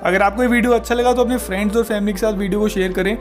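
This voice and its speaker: A high-voiced man hosts and narrates a travel video, reading a polished script smoothly and upbeat at a very fast, steady-toned pace. He makes warm, confident recommendations over a faint music bed.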